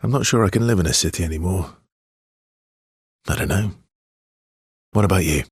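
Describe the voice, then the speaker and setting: In subdued, reflective game dialogue, an adult male expedition swordsman talks in a deep, rough, worn-out husk of a voice. He's weary and guarded, hesitant and understated, with a wry affection teasing beneath the surface. The delivery is heavily acted at a moderate pace, with a dry recording.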